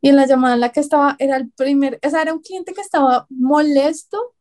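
A woman's voice: high voice, fast, darkish tone. A young Colombian woman with a Colombian accent, a guest and writer, telling stories in casual conversation. She acts out what people said and often laughs. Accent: Colombian Spanish.

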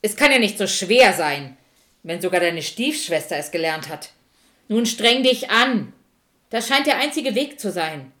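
A woman's voice: medium pitch, lively intonation, measured pace, pushed and bright. A woman voicing a stern fairytale stepmother who scolds her lazy daughter.

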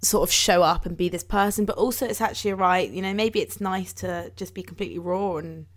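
A woman in her twenties co-hosts a podcast, chatting casually about feelings and growing up with plenty of fillers and laughter. Her voice sits on the low side, her intonation is fairly even, and she talks a little fast.

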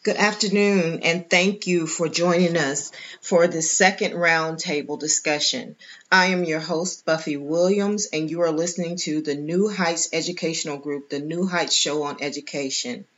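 A woman hosting a round-table podcast, introducing guests in a measured, formal way with some hesitations. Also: low-pitched, fairly even intonation, fairly bright tone. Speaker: host. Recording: dull lo-fi sound.

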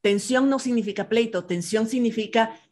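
A woman's voice: a little high, normal speed, darkish tone. Reflective woman host. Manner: reflective, explains ideas point by point. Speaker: podcast host. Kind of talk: casual conversation.

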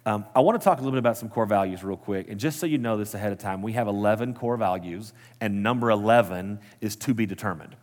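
Low, darkish, and quick with few pauses, this Texan pastor in his 30s delivers a sermon that echoes through the church sanctuary. His manner is conversational and earnest, and he frequently backs up to correct himself.

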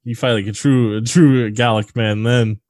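A man's voice: mid-range voice, steady tone, normal speed, a little mellow, no room sound. A man co-hosting a casual movie podcast, crude and joking, rambling with fillers. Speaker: podcast co-host.

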